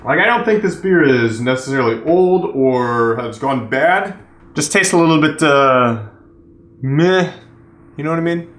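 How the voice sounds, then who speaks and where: Male beer vlogger, slightly high-pitched, casual and joking delivery. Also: animated, a little slow, a bit bright. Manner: joking, upbeat and chatty. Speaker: beer reviewer. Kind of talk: casual vlog review.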